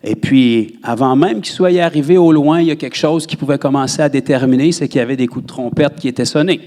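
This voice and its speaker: A man with a Québécois French accent, preaching a sermon in a church and jumping up in pitch on words he stresses. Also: quick pace. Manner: animated preaching, rises sharply on emphasized words. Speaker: pastor.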